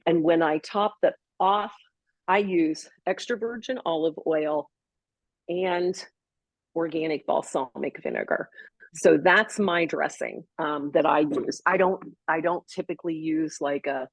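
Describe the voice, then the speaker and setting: A woman's voice: sits low, measured pace, dry recording. A woman co-hosting a health show, chatting casually and explaining step by step as she prepares a salad. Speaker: co-host. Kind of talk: casual cooking demo chat.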